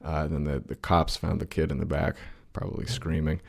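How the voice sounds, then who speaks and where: A deep-voiced man with a gravelly, fry-laden tone, talking casually and bluntly on a podcast. He rambles through stories with loose fillers and offhand swearing. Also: little pitch movement, fairly quick. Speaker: podcast co-host. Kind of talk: casual political chat.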